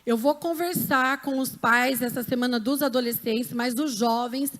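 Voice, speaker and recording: A woman pastor stands before her congregation and gives the week's announcements. Her voice sits high, and she talks in a fervent preacher's manner, turning to the people in the pews again and again. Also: moderate pace, fairly bright tone. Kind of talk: church announcements from the pulpit. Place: church sanctuary.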